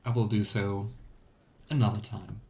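A game streamer, a man in his thirties, reads game text and thinks aloud in brief remarks during a let's play. His darkish voice stays on the low side with little pitch movement and a slightly slow pace. The small home room recording has clear background noise and game ambience.

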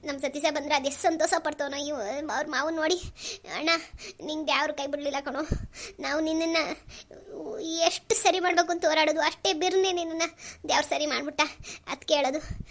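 A woman's voice: high voice, fairly even intonation, a little fast. A woman voicing a pious, devoted older sister in a cartoon, emotional and full of blessings. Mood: tearful. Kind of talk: cartoon voice acting.

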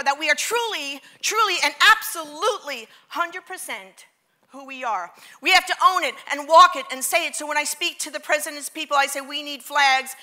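A middle-aged keynote speaker with a New York accent gives a lively motivational talk from a theater stage, her voice sitting high. She draws the audience into call-and-response.

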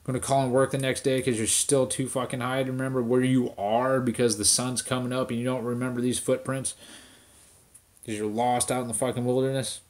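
A man in a casual vlog rant speaks straight to his viewers, stoned and relaxed. He swears in almost every sentence and drifts from one idea to the next. His voice sits at an ordinary male pitch. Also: brisk. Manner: profane, rambling, addressing viewers directly. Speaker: vlogger.

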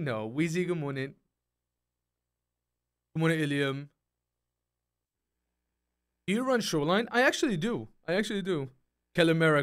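A man's voice: on the high side, fairly bright tone, clean tone. A young man live-streaming a game, chatting casually and greeting his chat one by one in a laid-back way.

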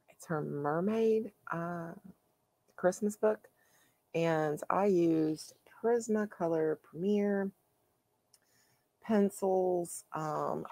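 A woman hosting her own coloring channel, chatting casually and haltingly with plenty of fillers as she shows her finished pages. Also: sits low, vocal fry, warm tone, no echo. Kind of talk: casual show-and-tell.

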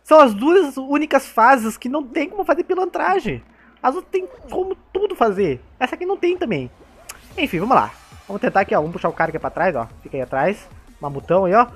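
A man with a Brazilian accent narrates his gameplay in an excitable, chatty way. He laughs often and calls out to the other players. His pitch swings widely, and faint music plays behind him. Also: quick pace. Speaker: gamer. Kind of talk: gameplay commentary.

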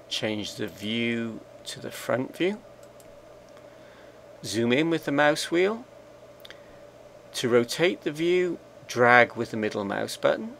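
A man narrating a software screencast tutorial, calmly giving slow step-by-step commands. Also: mid-range voice, gravelly, a little hiss or hum. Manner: slow, measured, instructional commands.

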